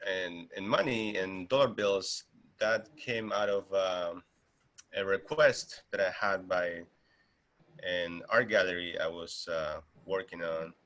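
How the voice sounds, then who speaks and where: An Argentine man in his thirties, a guest artist, talks casually in an interview, full of fillers and restarts. His voice is low and a bit bright, and he speaks slowly.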